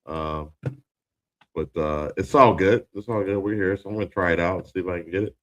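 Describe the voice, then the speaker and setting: A man's voice: deep voice, fairly quick, dry recording, dull audio. A man co-hosting a casual live podcast, laid-back and slangy, laughing often. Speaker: podcast co-host. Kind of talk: casual live-stream chat.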